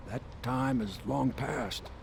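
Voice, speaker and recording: An actor playing a gruff, loyal old boatman, a plain-spoken fisherman type with a gravelly, aged voice, in video game dialogue. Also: mid-range voice, slow pace. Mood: fond farewell. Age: older. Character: gruff, loyal old boatman and sailor, wistful and warm-hearted. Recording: water and boat noise behind.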